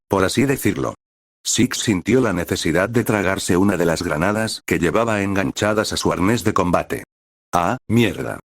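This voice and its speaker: A man narrating a fan fiction story in a steady, expressive reading. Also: low-pitched, no room sound, clean studio sound.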